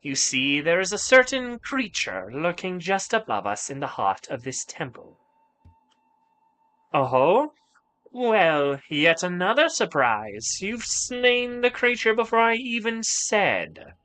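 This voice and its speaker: A sweet, kindly old snail granny from a video game, as a male streamer puts her on. She speaks in a raised, wavering voice, slow and drawn out, with a soft, tender manner. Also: high-pitched, very animated, clean tone, voice pushed up, exaggerated voice. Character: gentle old grandmotherly snail woman, kindly.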